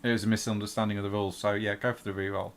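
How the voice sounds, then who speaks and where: A man's voice: fairly low pitch, little pitch movement, racing. A man acting as game master, casually explaining rules and narrating a tabletop game.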